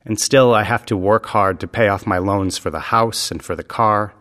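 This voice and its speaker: Guy with a low voice reading lesson lines clearly, echoey room. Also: moderate pace, a bit bright. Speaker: dialogue reader for a language lesson. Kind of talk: scripted lesson dialogue. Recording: reverberant room.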